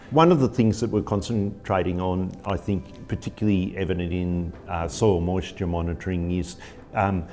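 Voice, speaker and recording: Deep-voiced middle-aged farmer. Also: male voice, a little mellow. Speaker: farmer and business partner. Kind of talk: interview. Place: office meeting room.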